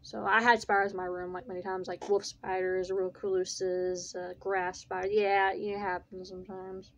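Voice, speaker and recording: A woman's voice: mid-range voice, flat delivery, normal speed, muffled recording. A young woman chatting casually as she reacts to videos, rambling and repeating herself as she retells what happened. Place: small bedroom. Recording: faint room noise.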